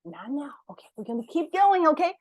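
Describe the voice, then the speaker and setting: A woman's voice: sits high, very animated, fairly quick, a little mellow, no room sound. A woman, the book's author, reading her picture book aloud to children at storytime, encouraging and asking them questions.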